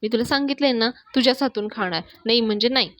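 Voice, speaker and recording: A woman's voice: on the high side, fast, a bit bright, no echo, studio quality, lightly acted. A woman reading the lines of a stubborn young woman in love, insistent and teasing.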